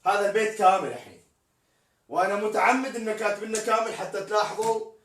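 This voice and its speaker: High-voiced man teaching in an echoey room. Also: steady tone, quick pace, fairly bright tone, slight background noise. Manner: explanatory, spells out syllables letter by letter. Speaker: poetry teacher. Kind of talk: live-streamed prosody lesson. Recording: echoey room, distant mic.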